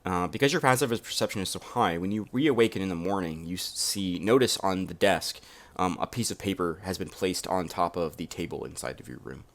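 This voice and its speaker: A man running a tabletop game as game master, narrating in a relaxed, halting way with fillers, on a home mic over a voice call. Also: low-pitched.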